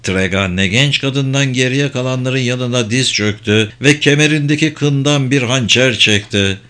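Man, audiobook narrator, steady, even reading, scripted narration. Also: mid-range voice, unhurried.

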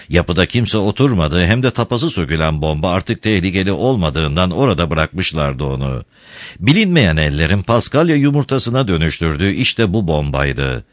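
A man narrating a storybook, reading with expressive, dramatic pacing. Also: sits low, no echo, studio quality.

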